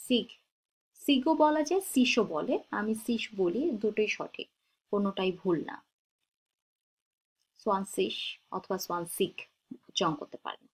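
Slow, deliberate woman teaching German. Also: on the high side. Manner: repeats each word twice, slow and deliberate. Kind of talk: slow-paced language lesson.

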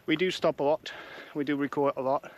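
A man's voice: fairly high pitch, fairly even intonation, brisk, highs cut off. A man with an English accent chatting casually to camera while hiking outdoors on hilly trails. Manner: chatty, friendly, talks while walking uphill. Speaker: hiking vlogger. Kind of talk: casual walking vlog chat to camera. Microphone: camera mic while walking.

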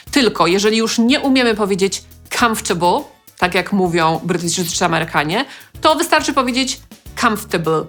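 A woman from Poland hosting a language lesson, explaining clearly with light humor. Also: mid-range voice, a bit bright. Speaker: language teacher host. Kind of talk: educational vlog.

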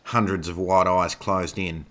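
A man narrating a werewolf horror story in a steady, scripted reading. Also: low voice, a little slow, heavy background noise.

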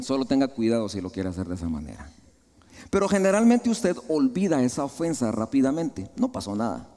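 A man with a Guatemalan Spanish accent preaching a sermon, rising high, then dropping to soft, low asides. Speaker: pastor. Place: large church hall. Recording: long hall reverb.

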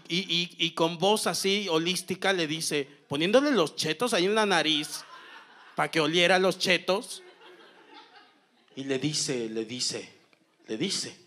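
On a comedy stage, a man in his thirties with a high-sitting voice performs stand-up. He tells a story deadpan, repeats phrases, then suddenly erupts into loud bursts.

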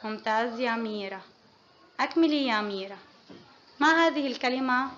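A woman's voice: a little high, normal speed, fairly bright tone. A woman kindergarten teacher in a classroom, patiently quizzing pupils one by one and praising each answer. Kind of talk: classroom phonics lesson. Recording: muffled lo-fi with faint noise.

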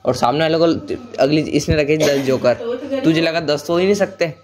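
A man's voice: a little high, normal speed, over music. A man talking casually to the camera in a home vlog, chatty and often laughing as he plays with family. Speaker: vlogger.

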